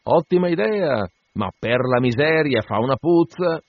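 Brash sailor bellowing jokes, as a male reader puts him on, pitched high and bouncy, dull lo-fi sound. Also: lively intonation, moderate pace, dry recording, natural voice. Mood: mocking, jovial. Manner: loud, teasing, shouted banter. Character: brash jovial sailor mate, loud and mocking. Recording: dull lo-fi dry recording.

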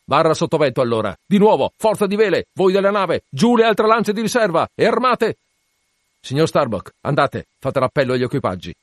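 A man's voice: mid-range voice, lively intonation, quick pace, hardly any pauses, dry recording, studio quality, natural voice. A man voicing an obsessed, one-legged old whaling captain in a dramatic reading, commanding and declamatory.

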